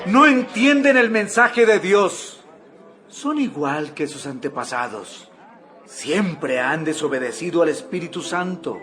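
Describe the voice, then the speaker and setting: Impassioned high-voiced preacher Stephen. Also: male voice, fairly bright tone. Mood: indignant, accusing. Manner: oratorical, emphatic, declamatory. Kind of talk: dramatized audio Bible acting. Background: background music.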